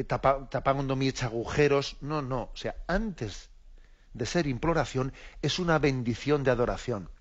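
Male clergyman from Spain, reflective radio teacher, mid pitch, dull lo-fi sound. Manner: reflective, repeats words, checks in with "¿eh?". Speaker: bishop teaching the catechism. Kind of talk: radio catechism lesson.

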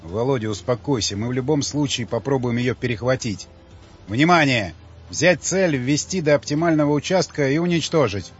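A man's voice: medium pitch, expressive, moderate pace, natural voice. A man voicing a stern male army colonel who barks orders in a bunker. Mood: tense. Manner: barking orders, gruff. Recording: slightly dull audiobook audio, faint music.

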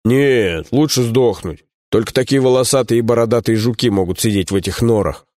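A man's voice: mid-range voice, a little fast, a little mellow, no room sound, close to an everyday voice. Guy doing a scruffy boozy rogue, teasing, sly, plain voice, dry sound. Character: scruffy young man, a boozy joker.

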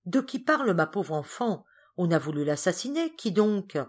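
A woman's voice: fairly low pitch, very animated, normal speed, breathy edge, pitched above the performer's own voice. A woman voicing a devoted, easily frightened nurse in a storybook reading, speaking in an alarmed, exclamatory way.

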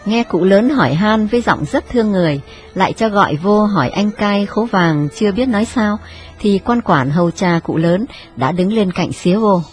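Một người phụ nữ kể truyện đọc, giọng đều đặn, giọng miền Trung. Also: female voice, medium pitch, animated, moderate pace, a little mellow. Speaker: narrator. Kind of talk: audiobook narration.

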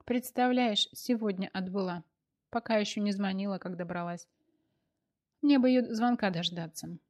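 A woman's voice: medium pitch, moderate pace, darkish tone, natural voice. Woman reading as a girlish young woman in love. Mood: eager. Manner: eager, whiny, girlish.

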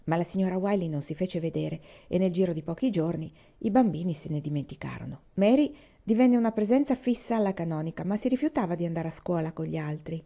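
A woman reading a novel aloud in a calm, even storytelling manner. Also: fairly low pitch, quick pace, gravelly, few pauses, muffled recording. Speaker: audiobook reader.

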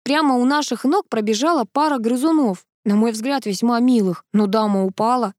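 A measured, exact-minded scientist husband from an audiobook, read by a woman. He speaks calmly, barely changed from her own fairly high, dry voice. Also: no room sound, lightly acted. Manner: measured, precise. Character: precise male scientist husband, calm.

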